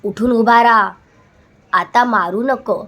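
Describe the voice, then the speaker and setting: A woman's voice: on the high side, a little slow, highs cut off. A woman voicing a fierce, commanding male village outlaw who barks stern orders while telling a folk story.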